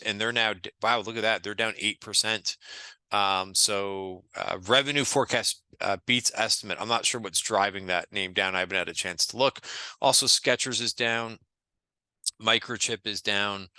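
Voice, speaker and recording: Guy doing a loose market recap, um-heavy, very bright crisp voice, dry close mic. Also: fairly low pitch, dry recording. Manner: sarcastic, joking, many fillers and restarts. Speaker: trading group market commentator.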